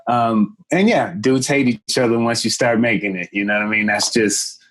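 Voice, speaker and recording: A man's voice: mid-range voice, moderate pace, fairly bright tone, slight background noise. A man who is a comedian guest, chatting casually on a podcast with many fillers and restarts.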